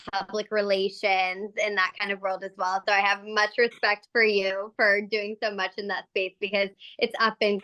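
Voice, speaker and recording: A woman's voice: mid-range voice, sharp tone, clean tone. A woman co-hosting an interview podcast, friendly and chatty as she asks questions. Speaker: podcast co-host.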